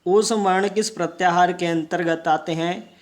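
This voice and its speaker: A man's voice: sits high, steady tone, moderate pace. A man teaching Sanskrit exam practice, reading out each question and option and then explaining the answer.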